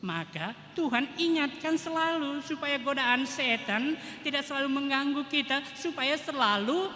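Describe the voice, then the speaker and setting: Priest preaching in an echoey church. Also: male voice, very high voice, sharp tone. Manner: emphatic preaching, tag 'toh' often. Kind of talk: sermon. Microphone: livestream mic in church. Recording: echoey church hall, faint noise.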